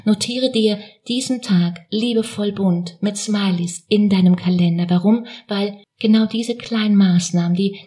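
A woman giving a motivational self-help talk, speaking informally and directly to the listener with gentle encouragement and reflective questions. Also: mid-range voice. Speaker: self-help coach and host.

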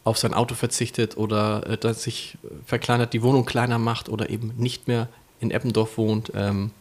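A man's voice: on the low side, moderate pace. A man from the Hamburg area, co-hosting a podcast in casual chat, telling stories and acting out what others said. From Hamburg area, Germany. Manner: animated storyteller acting out quoted voices. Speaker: podcast co-host.

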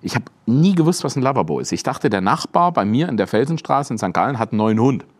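A man's voice: mid-range voice, quick pace. A German comedian with a German accent, chatting casually and acting out quotes in his anecdotes. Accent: German Standard German. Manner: animated storyteller acting out quotes.

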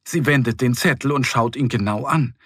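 A man narrating a scripted children's story in a gentle, expressive reading style. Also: mid-range voice, moderate pace, breathy edge, no room sound, studio quality.

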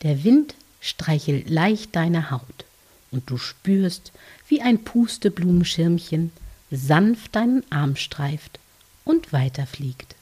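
A woman guides children through a dream journey in a soft, soothing voice. Her tone is mellow and breathy, often close to a whisper. She reads very slowly and gently, leaving long, calm pauses between phrases. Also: lowish voice. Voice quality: soft, breathy, hushed, at times near whisper. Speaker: narrator of guided relaxation for children.

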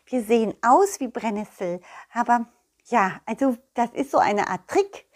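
A woman's voice: on the high side, expressive. A woman voicing a friendly talking nettle plant in a children's story, stumbling and repeating words as it explains itself. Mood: earnest. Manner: halting, repeats words, giggly.

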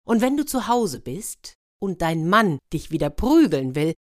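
A woman's voice: lowish voice, big pitch swings, measured pace. A woman voicing the South Wind, a kindly, pitying male wind spirit who gives advice in a soothing, then firm way. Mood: sympathetic.

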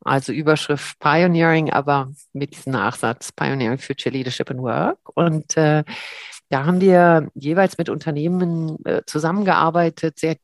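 A woman's voice: low voice, normal speed, no room sound, clean studio sound. A middle-aged woman from Germany, a guest on a podcast, talking thoughtfully with many fillers and restarts. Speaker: podcast guest, leadership academic. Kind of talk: casual podcast interview.

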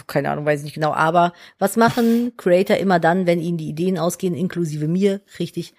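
A woman co-hosting a casual podcast, telling stories in a lively, chatty way. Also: on the low side, brisk. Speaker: podcast co-host. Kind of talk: casual chat.

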